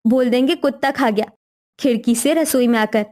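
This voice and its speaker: A woman's voice: a little high, moderate pace, a little mellow, lightly acted. A woman voicing a bossy elder daughter-in-law in a cartoon story, teasing her younger sister-in-law.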